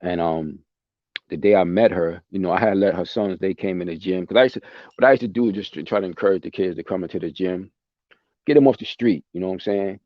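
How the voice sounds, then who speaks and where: A male podcast host talks in a casual chat, passionate and emphatic, often repeating himself. His voice is low and fast. The recording sounds dry, dull, and lo-fi.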